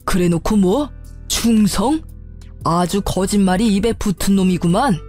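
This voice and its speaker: A woman narrator plays an angry father in a spoken drama story. He shouts insults and demands at his son-in-law. The voice stays mellow and dark-toned, and faint music runs underneath. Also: medium pitch, lightly acted. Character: furious middle-aged father scolding a cheating son-in-law.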